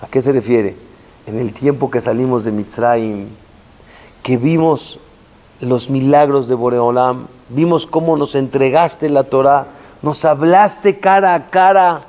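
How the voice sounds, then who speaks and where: Animated man giving a Torah lesson. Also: mid-range voice. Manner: animated storytelling, voice rising and falling with emphasis; chants Hebrew verses slowly. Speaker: rabbi.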